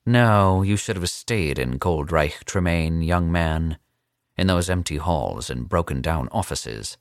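Cold smooth older captor guy, read by a deep-voiced man, very low, slow and dry. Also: animated, no echo. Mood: dry, mocking. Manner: smooth, unhurried and condescending. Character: older male captor, suave, cold and amused.

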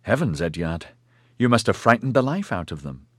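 A man's voice: on the low side, very animated, a little fast, fairly bright tone, breathy edge, dry recording, studio quality, exaggerated voice. A man voicing a young woman who explains things incredulously. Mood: explaining. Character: young woman, a knowing friend.

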